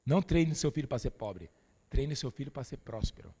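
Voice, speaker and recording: A man's voice: medium pitch, expressive, moderate pace, mellow, slightly rough, in a large hall. A Brazilian man preaching a sermon as pastor, emphatic and familiar, calling his listeners "dear". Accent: Brazilian Portuguese.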